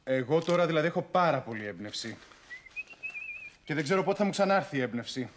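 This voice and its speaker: An actor playing a fussy, distracted painter in a sitcom household. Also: male voice, on the high side, lively intonation, slight background noise, lightly acted.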